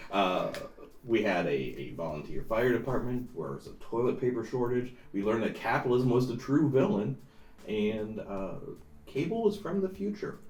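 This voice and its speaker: A man's voice: fairly low pitch, darkish tone. A man hosting and narrating as game master in a tabletop game, talking casually with jokes and many fillers. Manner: joking, filler-heavy. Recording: roomy room mic from far off.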